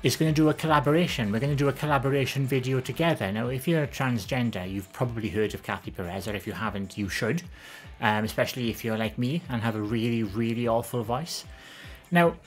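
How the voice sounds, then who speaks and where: This live streamer, a soft-spoken woman from the Valleys of Wales, chats casually and answers viewers quickly over soft background music. Her gentle voice has a lower, less feminine tone, and her rambling talk is dotted with ums and self-corrections.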